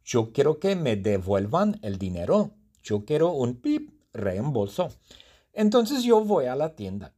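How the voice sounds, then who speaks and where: A man's voice: mid-range voice, very animated, unhurried, warm tone. Man playing a bumbling, indignant storybook guy. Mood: playful. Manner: first-person storytelling, exaggerated indignation.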